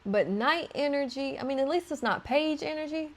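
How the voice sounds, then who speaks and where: A woman reads tarot cards for her viewers in a loose, chatty way, playful and quick to laugh. Her voice sits a little high with a gravelly fry running through it. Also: expressive. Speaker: tarot reader. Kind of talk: casual tarot card reading to viewers.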